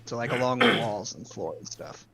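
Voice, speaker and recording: A man's voice: medium pitch, huge pitch swings, normal speed, creaky. A man talking casually as a tabletop game player, thinking aloud and planning his moves carefully. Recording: dull lo-fi mic with faint hiss.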